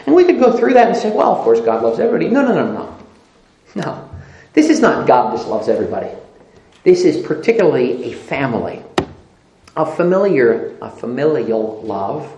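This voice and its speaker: A preacher giving a sermon, reading scripture aloud and repeating phrases for emphasis, moving between loud emphasis and soft low asides. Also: sing-song, fairly quick. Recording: echoey room.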